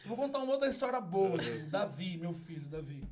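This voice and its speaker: Over crowd noise, a Brazilian man with a Brazilian Portuguese accent, a community founder on a podcast, tells exuberant stories, laughing and loudly voicing characters. His high voice has a sing-song lilt and a quick pace.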